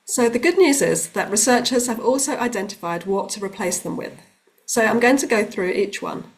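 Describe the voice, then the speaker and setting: Calm woman coach explaining steadily. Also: on the high side, normal speed. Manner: calm, explanatory, with occasional ums. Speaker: dating and relationships coach. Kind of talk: direct-to-camera advice talk.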